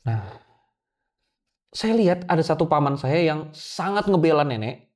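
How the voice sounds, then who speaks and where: A young guest shares a painful personal story with emotion, repeatedly addressing the interviewer as "Pak," a respectful term for sir. His fairly high voice has a darkish tone and sounds animated, with a measured pace.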